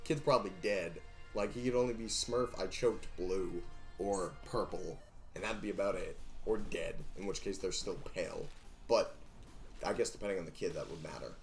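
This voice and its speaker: A young man with a low voice chats loosely through a live stream, joking and rambling as he counts eggs aloud. He talks into a desk mic with faint game music in the background. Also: moderate pace. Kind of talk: casual live-stream chatter while gaming.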